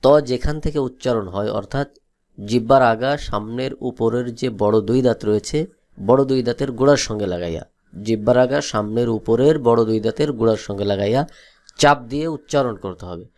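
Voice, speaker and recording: A man from Bangladesh teaching Quran letter pronunciation, drilling each letter slowly and repeating it several times. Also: mid-range voice, darkish tone. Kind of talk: slow letter-by-letter pronunciation lesson.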